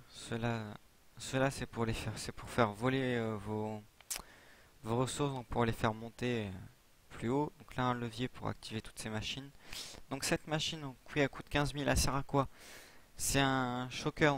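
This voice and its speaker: A young man giving a casual gameplay tutorial, rambling with many fillers and restarts as he explains a modded server. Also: medium pitch. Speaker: server admin giving a modded game tour.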